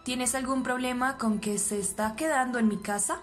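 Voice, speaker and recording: A woman's voice: a little high, fairly even intonation, moderate pace, faint music behind, natural voice. A woman reading the lines of a defensive, worried young man in a plain voice. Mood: guarded.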